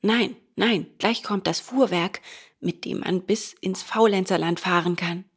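A woman voicing a sly, lazy schoolboy in a storybook reading, coaxing his friend in a lowered voice. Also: a little slow, breathy edge. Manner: low, coaxing, persuasive.

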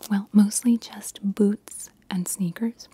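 A woman whispering breathy ASMR with tingly mouth sounds, rambling casually and playfully repeating words and short phrases. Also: mid-range voice, steady tone, slow, warm tone, slight background noise. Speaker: ASMR video creator.

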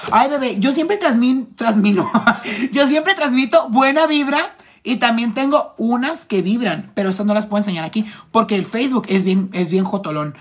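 A makeup artist from Tijuana with a northern Mexican accent, chatting flamboyantly and teasingly on a phone live stream while reading viewers' comments. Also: male voice, very high-pitched, lively intonation, normal speed.

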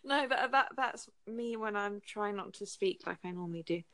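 A woman's voice: medium pitch, moderate pace, fairly bright tone. A woman with a well-spoken English accent, chatting casually and politely. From England, early childhood in Portugal. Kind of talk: casual chat.

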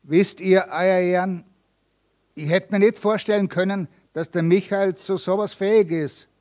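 A man's voice: high voice, fairly even intonation, measured pace, darkish tone. An earnest, humble villager testifies anxiously, protesting eagerly. A man reading a story aloud plays him in a raised, slightly flustered voice. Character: timid, earnest male villager neighbour.

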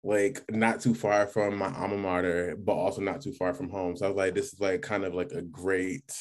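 A young man, his voice sitting a little low. He talks in a relaxed, rambling way, with plenty of "like" and "um" and easy laughter, as a guest on a casual podcast. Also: moderate pace. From New York. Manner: relaxed, many fillers and "like", laughs often. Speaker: guest, graduate student. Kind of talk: casual chat.

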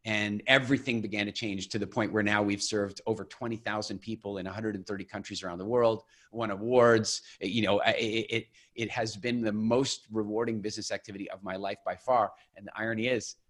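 A man in his forties telling his life story as an interview guest, animated and full of restarts, acting out quoted voices. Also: lowish voice, brisk, few pauses. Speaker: guest, business founder.

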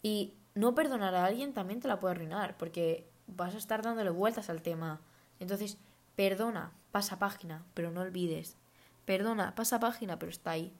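A woman's voice: medium pitch, normal speed, a little mellow. A woman, hosting a reflective personal monologue in an earnest, thoughtful, advice-giving way. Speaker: podcast host.

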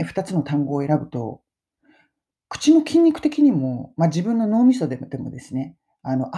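A woman's voice: sits low, mellow. Chatty woman teaching pronunciation. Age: middle-aged. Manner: chatty, models English phrases slowly for repetition. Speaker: English pronunciation teacher and podcast host. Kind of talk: casual spoken lesson.

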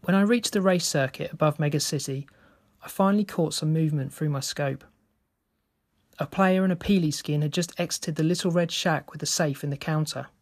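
A man narrating a first-person story in a steady, measured reading. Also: a little high.

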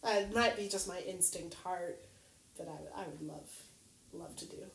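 A woman chatting casually with friends in a halting way, full of fillers and restarts. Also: fairly low pitch, creaky. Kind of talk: casual chat. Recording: roomy echo, faint noise.

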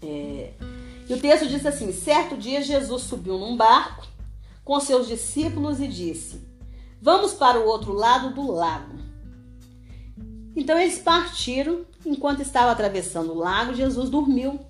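A woman's voice: on the high side, very animated, moderate pace, roomy sound. Earnest woman preaching over guitar. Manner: earnest, repeats phrases, adds "né, gente?" often. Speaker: preacher leading a Bible study. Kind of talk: prayer and Bible teaching.

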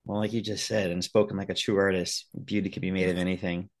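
A man's voice: low-pitched, level tone, quick pace. A man with an American accent hosting a podcast, chatty and joking, teasing his guests. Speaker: podcast host. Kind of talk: casual interview.

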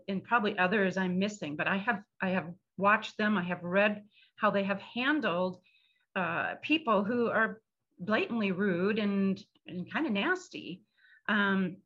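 A woman talking thoughtfully about a book chapter in a church discussion group, with many pauses and restarts. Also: mid-range voice, a bit bright, lo-fi sound.

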